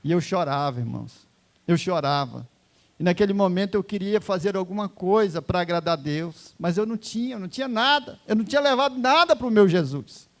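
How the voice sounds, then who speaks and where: A man preaching an emotional testimony sermon in church, swinging from hushed words to fervent loud exclaiming. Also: high voice, animated, brisk.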